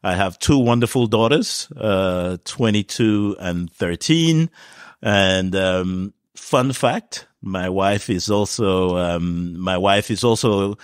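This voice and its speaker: A man in his fifties from Cameroon, a podcast guest telling his life story in a relaxed way with many fillers. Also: deep voice, slow pace, smooth, dry recording, studio quality. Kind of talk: casual interview talk.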